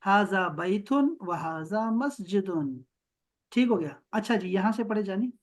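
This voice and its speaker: Encouraging male Arabic teacher. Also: sits high. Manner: encouraging, explains slowly in Urdu mixed with English. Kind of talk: online Arabic grammar lesson. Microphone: video call.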